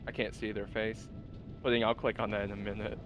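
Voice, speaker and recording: A man's voice: lowish voice, little pitch movement, fairly quick, over music. A man chatting casually as he plays a video game, joking in informal slang. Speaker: co-op game streamer. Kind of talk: casual gaming chat.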